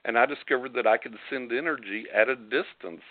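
A man's voice: medium pitch, a little fast, dry recording. A man with a West Texas twang and a distinctive drawl, chatting and telling stories in a folksy way as a psychic guest. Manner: folksy, chuckles while telling anecdotes. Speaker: psychic giving readings as guest on a call-in show. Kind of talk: casual talk and storytelling. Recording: narrow, phone-like line.

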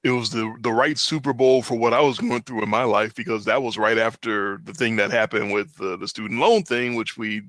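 A man's voice: lowish voice, fairly even intonation, brisk, few pauses, fairly bright tone, no room sound. A man co-hosting a sports podcast, telling rambling self-deprecating stories in a casual chat. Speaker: podcast co-host.

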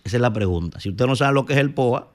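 A man's voice: mid-range voice, lively intonation, fast talker. A man with a Dominican Spanish accent, delivering indignant, scolding opinion commentary on a morning radio show.

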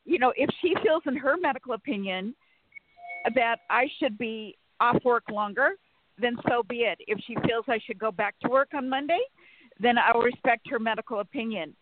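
A woman's voice: on the high side, background noise. Woman caller heard over a phone. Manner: measured, spells out names letter by letter. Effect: heard over a phone line. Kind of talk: call-in chat with a psychic show. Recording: tinny, dry phone line.

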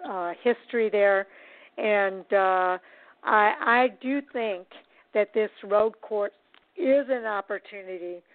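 A woman hosts a casual racing talk show and gives firm opinions, padding her sentences with plenty of "uh"s. Her voice comes through a narrow, phone-like line that sounds dry and close. She speaks at a middling pitch. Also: takes it slowly, no room sound. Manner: opinionated, many "uh" fillers. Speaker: race talk show host. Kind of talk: casual podcast race talk.

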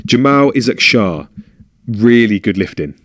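A man's voice: fairly low pitch, animated, a little slow, fairly bright tone, no room sound, clean studio sound. A man with a British accent co-hosting a podcast in casual chat, rambling and humming filler sounds. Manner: chatty, rambling, hums fillers. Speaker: podcast co-host. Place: home room.

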